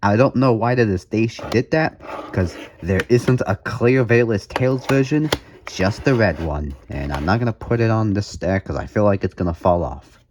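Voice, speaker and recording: Speaking at a normal speed in an animated, somewhat low and slightly mellow voice, a man runs through his music collection in a playful, jokey show-and-tell vlog, putting on mock emphasis. There's a little hiss or hum in the recording.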